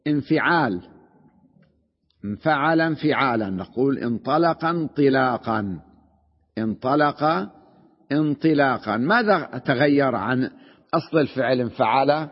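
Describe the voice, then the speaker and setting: A man's voice: mid-range voice, animated, unhurried, long pauses. A sheikh teaching Arabic grammar in a classroom lecture, explaining step by step, repeating terms and checking whether his students follow. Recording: dull recording with long hall reverb.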